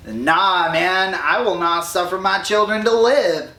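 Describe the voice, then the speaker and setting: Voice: mid-range voice, unhurried, bright, forceful tone. A tipsy storyteller voicing a boastful Titan king who talks in street slang. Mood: swaggering. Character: swaggering slangy Titan king, greedy and paranoid. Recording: roomy echo, distant mic.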